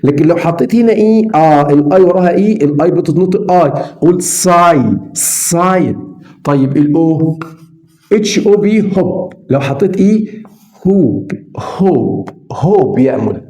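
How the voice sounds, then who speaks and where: A middle-aged man with an Egyptian Arabic accent teaching beginner English phonics, repeating each sound slowly and speaking straight to the viewer. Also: fairly high pitch, expressive, mellow.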